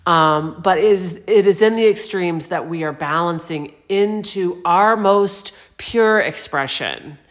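A woman in her forties sharing a personal reflective monologue, meandering and earnest with frequent restarts and soft spiritual wording. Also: on the low side, slow pace, hardly any pauses. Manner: soft-spoken spiritual vocabulary.

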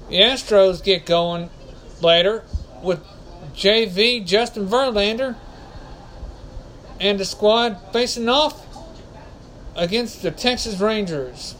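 A man's voice: high-pitched, takes it slowly, pauses often, fairly bright tone, slight background noise, poor audio. A man hosting a casual solo podcast, rambling and often correcting himself. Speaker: podcast host.

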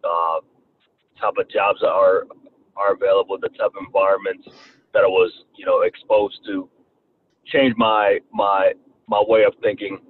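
A man in his thirties from Rwanda with a slight Southern twang, talking haltingly as an interview guest and often repeating words. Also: low-pitched, flat delivery. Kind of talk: casual interview talk. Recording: tinny phone-like line, faint noise.

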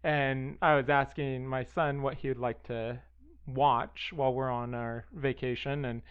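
A man's voice: mid-range voice, flat delivery, a little slow, clean tone, muffled recording. A man co-hosting a podcast in casual, playful chat. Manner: playful, joking. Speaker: podcast co-host.

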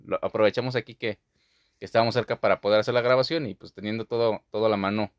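A man's voice: fairly low pitch, steady tone, fast talker, dry recording, clean studio sound. A young man hosting a podcast, talking through a childhood memory in a rambling, casual way with many fillers. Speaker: podcast host.

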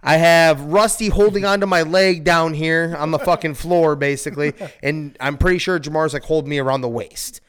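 A man with a fairly high voice tells a wild story in a loose, casual podcast chat. He is animated and profane, laughing a lot and getting loud when he acts out what happened. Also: normal speed, few pauses, clean tone. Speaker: storyteller guest.

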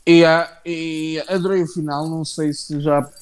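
A man with a European Portuguese accent co-hosting a casual live wrestling chat in a halting, slangy, familiar way. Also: on the high side, level tone, clean tone. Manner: halting, slangy, addresses listeners and co-host familiarly. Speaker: wrestling show co-host.

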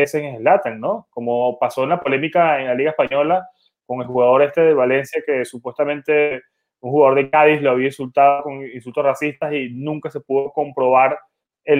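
Male podcast co-host, mid-range voice, calm explainer in loose conversation. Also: mid-range voice, narrow, tinny audio. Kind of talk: casual chat.

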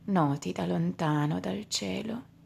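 Slow, creaky-voiced woman guiding meditation. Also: fairly low pitch, slight background noise. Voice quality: slow, soft, drifting into whispers. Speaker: meditation guide. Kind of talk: guided meditation.

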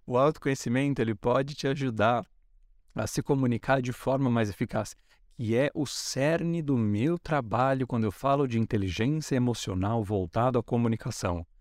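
A man's voice: medium pitch, darkish tone, no echo, clean studio sound. A young Brazilian man with a Brazilian Portuguese accent, hosting a casual solo podcast and chatting freely, often acting out bits of dialogue in playful voices. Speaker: podcast host.

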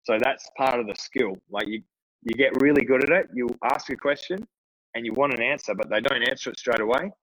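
A man's voice: mid-range voice, brisk, a bit bright, slight background noise, rough recording. Casual man coaching sales. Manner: casual, conversational, many fillers. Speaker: business coach. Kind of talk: instructional talk to tradespeople.

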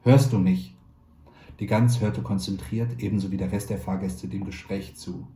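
A man, a stage actor, reading a literary short story aloud in a measured, quietly wry way. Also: deep voice, fairly even intonation. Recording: roomy echo, faint background noise.

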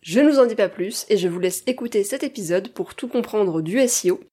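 A woman hosting a podcast interview, friendly and quick to laugh. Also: mid-range voice, lively intonation, mellow, husky. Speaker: podcast host.

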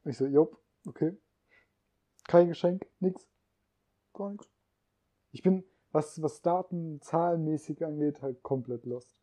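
Young male co-host, slangy rambler, dark tone, slightly high. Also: a little slow, pauses often. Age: young adult. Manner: rambling, slangy, drops to a mumble. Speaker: podcast co-host. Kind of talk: casual chat. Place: room in a friend's home.

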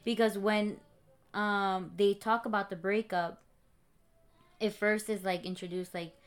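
A woman's voice: mid-range voice, steady tone, measured pace, smooth. A young woman co-hosting a podcast, chatting casually about a book and its film, with lots of fillers and restarts. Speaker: podcast co-host.

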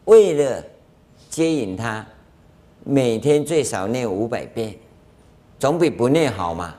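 A man's voice: medium pitch, takes it slowly. A man with a Taiwanese Mandarin accent giving a Buddhist dharma lecture as a master, telling anecdotes and acting out dialogue with chuckles. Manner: animated storytelling, acts out dialogue, chuckles. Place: lecture hall.

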